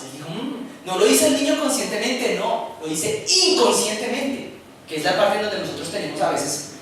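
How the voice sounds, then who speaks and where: A man's voice: high voice, a bit bright, slight background noise. A man preaching a sermon, speaking conversationally and putting questions to the congregation. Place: church. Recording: echoey church from far off.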